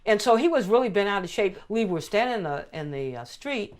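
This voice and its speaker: An older woman from California recounting personal family history in an interview, telling her stories with lively acted-out dialogue. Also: medium pitch, brisk. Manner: animated storyteller who acts out the voices of people she quotes. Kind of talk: storytelling interview.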